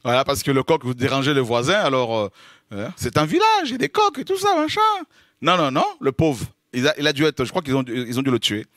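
A man from the French Caribbean preaching an informal sermon, humorous and lively, laughing often and acting out little scenes as he teaches. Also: medium pitch, a little fast, no room sound, studio quality.

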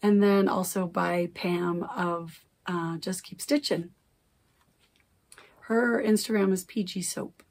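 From a desk-distance camera in her home craft room, a middle-aged cross-stitch vlogger talks casually in a fairly low, steady, slightly mellow voice at a slow pace. Having lost her voice, she's still recovering it. Her chat is rambling and self-correcting.

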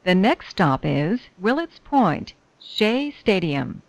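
A woman reading scripted train announcements in a measured, formulaic way. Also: mid-range voice, very animated, creaky, no echo. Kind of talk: scripted subway station announcements.

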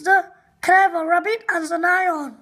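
A woman with a Vietnamese accent reading an English picture book aloud to children, slowly and carefully with some restarts. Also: very high-pitched, fairly even intonation, a bit bright. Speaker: children's storybook reader.

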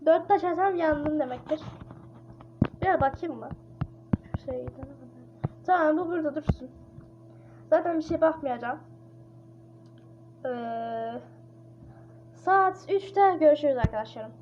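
Really high-voiced woman freaking out over a horror game, panicky chatter, muffled hissy mic. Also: a little slow, pauses often, a little mellow. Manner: jumpy, panicky, exclaiming. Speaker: gamer. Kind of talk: casual let's-play commentary. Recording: dull lo-fi mic with clear hiss.

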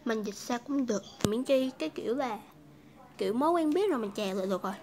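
A woman's voice: on the high side, lively intonation, fast talker. A woman from Vietnam hosting a casual English lesson, chatty and repeating phrases for learners. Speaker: English teacher, video host.

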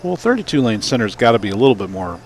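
A man's voice: fairly low pitch, sing-song, quick pace. A man doing live play-by-play commentary at a bowling center, chatting between shots. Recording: live broadcast with crowd behind. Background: crowd and bowling noise.

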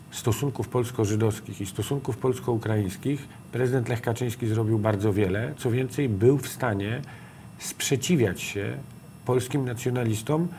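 A man's voice: on the low side, slight background noise. A middle-aged man, a politician guest in a TV studio, speaking emphatically in a political interview. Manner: emphatic, rising to forceful conviction.

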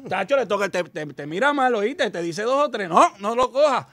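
A man's voice: high-pitched, expressive, normal speed, fairly bright tone, dry recording. A middle-aged Puerto Rican man giving an earnest testimony in casual talk, often calling the listener "brother". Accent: Puerto Rican Spanish. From Puerto Rico. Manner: earnest, says "hermano" often.

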